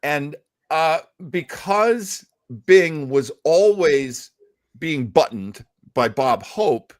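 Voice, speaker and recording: Speaking extremely slowly with lively intonation, this man's voice runs on the high side. He's hosting a relaxed live talk show on old-time radio, spinning stories with self-deprecating humor and plenty of jokes.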